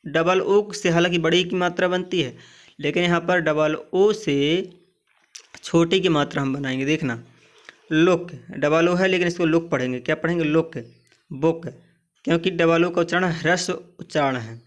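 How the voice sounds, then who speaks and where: A man with a slightly high voice teaches English vowel sounds in Hindi. He says example words slowly, one by one, and keeps asking the listener what they are. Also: steady tone.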